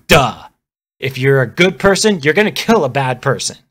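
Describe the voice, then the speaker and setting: A man's voice: medium pitch, big pitch swings, normal speed, a bit bright. Man, livestreamer, heated political rant, sarcastic, emphatic. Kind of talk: political rant on a live stream.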